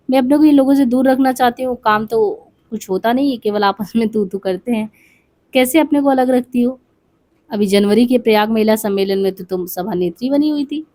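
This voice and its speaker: A woman's voice: fairly high pitch, mellow. A woman reading a memoir aloud for exam study, voicing its dialogue with small asides and restarts.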